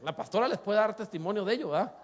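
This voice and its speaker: A middle-aged man preaching a sermon as pastor, lively, asking rhetorical questions and slipping in humorous asides. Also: sits high, racing.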